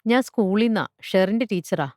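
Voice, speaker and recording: A woman's voice: medium pitch, lively intonation, moderate pace, darkish tone, no room sound, studio quality, pitched above the performer's own voice, lightly acted. A woman reading a story aloud and voicing a weary woman schoolteacher who coaxes and persuades. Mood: coaxing. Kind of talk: storybook character voice.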